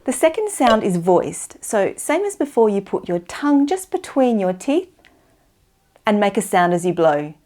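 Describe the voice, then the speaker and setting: An Australian woman giving an instructional pronunciation lesson, enunciating slowly and carefully for language learners. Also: medium pitch, very animated, a little mellow. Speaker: English pronunciation teacher.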